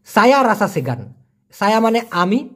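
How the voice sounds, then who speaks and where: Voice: mid-range voice, sing-song, moderate pace, a bit bright, husky. A language teacher gives a casual spoken vocabulary lesson. The teacher repeats each word to drill it and adds jokey, self-mocking asides.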